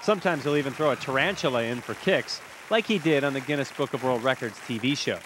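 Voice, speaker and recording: A man's voice: medium pitch, quick pace. A man reporting a light TV feature, reading scripted narration in punchy phrases with playful, dramatic build-ups. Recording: crowd chatter and clear outdoor fair noise. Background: outdoor fair crowd and ambience.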